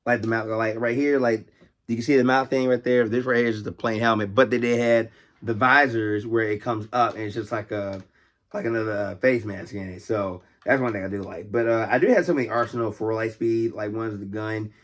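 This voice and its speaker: Here the toy collector's voice is on the low side, steady in tone and a bit fast. The American host chats casually in his unscripted vlog, rambling and repeating himself often.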